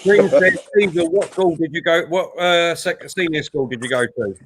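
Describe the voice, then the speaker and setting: A man's voice: on the high side, normal speed, a little hiss or hum. A man, co-hosting a casual football watchalong, reading out chat messages and calling the match. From Isle of Dogs, East London. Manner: chatty, reads out viewer messages, breaks into excited calls on the match.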